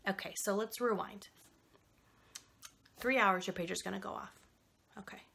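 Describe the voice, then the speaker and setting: A young woman hosting a podcast, telling a personal story in a candid, animated way with frequent swearing and quick asides. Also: medium pitch, creaky, breathy edge. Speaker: podcast host.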